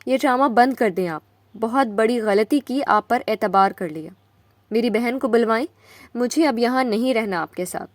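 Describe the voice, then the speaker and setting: A woman voicing a young wife who accuses her husband through tears, loud and upset. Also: fairly high pitch, no echo, lightly acted. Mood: tearful anger. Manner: tearful and shouting.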